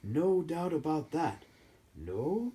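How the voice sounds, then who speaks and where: A man reading aloud and voicing an old male magical talking hat that muses slowly and then bellows its choices. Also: fairly high pitch, very animated, dark tone, voice pushed up. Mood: musing. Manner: slow, musing, then bellowing house names.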